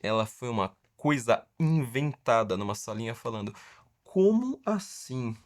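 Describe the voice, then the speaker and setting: A man's voice: on the low side, moderate pace. A middle-aged Brazilian man with a Brazilian Portuguese accent, hosting a casual podcast with a sarcastic, mocking way of stretching words for emphasis. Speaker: podcast host.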